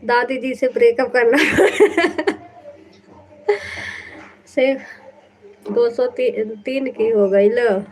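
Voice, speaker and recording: A woman with a high voice talks slowly and playfully on a live stream. She teases the others and breaks into frequent laughter. She speaks through an earphone mic. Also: a little hiss or hum, rough recording. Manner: laughs often, teasing and chatty. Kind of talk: casual chat on a live stream.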